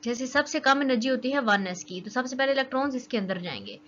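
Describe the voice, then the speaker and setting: A woman's voice: high voice, big pitch swings, quick pace, a bit bright. A young woman giving a casual chemistry lesson, often checking in with "okay" as she explains. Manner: chatty, keeps checking in with "okay". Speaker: chemistry teacher. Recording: dull lo-fi recording with faint noise.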